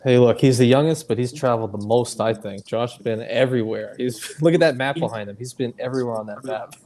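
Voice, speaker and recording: A man's voice: mid-range voice, brisk. A man in his twenties hosting a livestream, chatting casually with guests and laughing often. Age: 20s. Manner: laughs often, lively banter. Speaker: livestream host. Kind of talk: casual group chat on a livestream.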